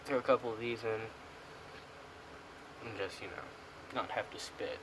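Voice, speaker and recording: At a moderate pace and with fairly even intonation, a young man from the United States uses his lowish voice to ramble casually through a vlog product review, a pouch tucked in his upper lip. The small room is captured clearly on the camera mic, background noise included.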